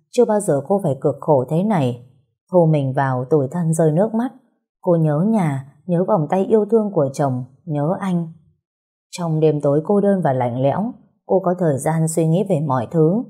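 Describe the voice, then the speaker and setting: A woman reading a story aloud in a calm, steady, gently sad way. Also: low voice, slightly rough. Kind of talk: scripted story narration.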